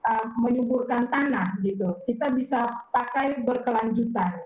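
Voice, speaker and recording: A woman's voice: on the high side, a little mellow, lo-fi sound. Woman expert with roomy echo. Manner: measured, with frequent hesitation fillers. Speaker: plant protection expert. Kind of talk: explanatory expert commentary.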